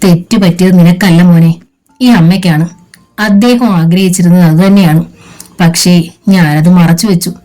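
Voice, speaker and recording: A woman's voice: fairly low pitch, fairly even intonation, moderate pace, warm tone, faint music behind, lightly acted. A woman voicing a grieving middle-aged mother in an audiobook, speaking tenderly and pleadingly to her son.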